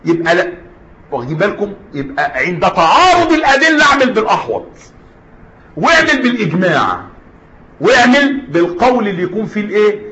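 A man's voice: high-pitched, big pitch swings, fast talker, pushed and bright. A man with an Egyptian Arabic accent teaching Islamic jurisprudence in a class lecture, switching between formal and colloquial Arabic and putting questions to the students. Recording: dull lo-fi lecture recording.

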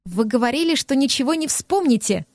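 A woman reading a proud, hot-tempered young woman in an audiobook, sharp and defiant in every retort. Her voice is on the high side and dry, close to the mic. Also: lively intonation, fairly quick, dry recording. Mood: indignant. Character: fiery young red-haired woman, proud and stubborn.

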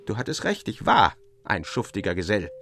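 A man's voice: fairly low pitch, huge pitch swings, normal speed, creaky, a bit bright, faint music behind, voice pushed down, full character voice. A man voicing a desperate young male miner who cries out in despair, in a radio story reading. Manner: crying out in despair.

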